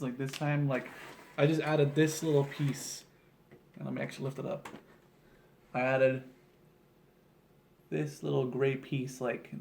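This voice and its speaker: A Dutch YouTube host in his twenties chats casually while building at a table in a small room at home, rambling, halting and poking fun at himself. His voice is a little high and a little mellow. The camera sits across the table, so the mic is slightly distant, picking up room noise and clicking pieces.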